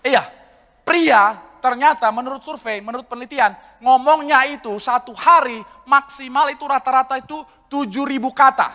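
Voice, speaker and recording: A man preaching with a very high, bright, forceful voice, cracking jokes and slipping into playful impressions of couples. His words ring out through a large church hall with a long reverb from the live service. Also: moderate pace. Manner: joking, acts out couples' voices, addresses congregation as saudara. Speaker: pastor. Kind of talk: lively comic sermon.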